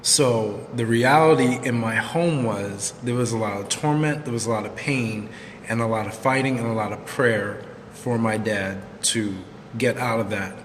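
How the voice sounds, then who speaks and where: A man co-hosting a live chat, speaking in an earnest and measured way about personal struggles. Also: mid-range voice, in a large hall, a little hiss or hum. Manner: measured, heartfelt, speaks in long sentences. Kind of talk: earnest, reflective sharing.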